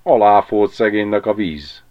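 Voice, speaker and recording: A man reading an audiobook and voicing a gruff older village man who speaks curtly and grumbles. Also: fairly low pitch, a little mellow, dull audio, close to an everyday voice. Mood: calling. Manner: curt, grumbling.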